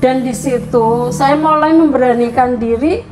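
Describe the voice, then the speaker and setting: A woman's voice: high voice, a little slow, background noise. A middle-aged woman from Central Java telling her conversion story in an interview, turning tearful and pleading when she recalls her prayers. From Central Java, Indonesia. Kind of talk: emotional personal testimony.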